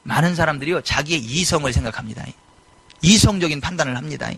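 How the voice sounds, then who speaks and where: A middle-aged male pastor preaching a sermon in a church, animated and given to sudden loud exclamations. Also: a little high, quick pace, slightly rough, dry recording. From South Korea. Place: church sanctuary.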